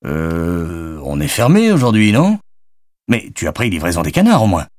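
A man's voice: low-pitched, huge pitch swings, normal speed, darkish tone, dry recording, studio quality. A man reading an audiobook, voicing a laid-back, forgetful uncle in a lifted, casual tone.

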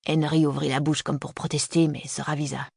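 An audiobook narrator reading a first-person novel in an even, measured way. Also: medium pitch, vocal fry, breathy edge, no echo, studio quality.

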